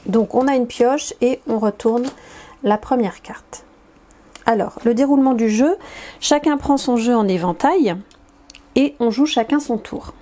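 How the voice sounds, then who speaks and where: A woman explaining and demonstrating an educational card game, in a hesitant, explanatory way with many filler pauses. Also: on the high side, dark tone.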